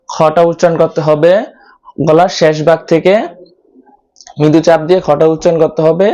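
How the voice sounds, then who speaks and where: A man from Bangladesh teaching an online Quran lesson, slowly explaining how to pronounce each Arabic letter and repeating each sound many times. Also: on the high side, darkish tone, dull audio.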